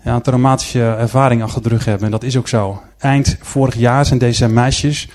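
A man speaks to a gathered audience in a church-style presentation, talking through pictures on a screen. He tells his stories earnestly, at a middle pitch, and often pauses on hesitant filler sounds. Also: steady tone, darkish tone. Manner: earnest storytelling.

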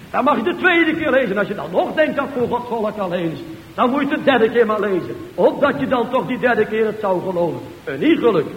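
A man preaching a sermon with fervour, asking rhetorical questions and swinging between loud and hushed. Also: high voice. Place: church. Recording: echoey church hall with faint hiss.

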